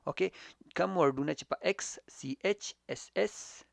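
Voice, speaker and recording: A man gives a casual English grammar lesson. He speaks very slowly, with a gravelly, creaky voice, and repeats words over and over. The recording is dry and close, with no room sound. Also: a little high, no echo. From Khyber Pakhtunkhwa, Pakistan. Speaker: English teacher.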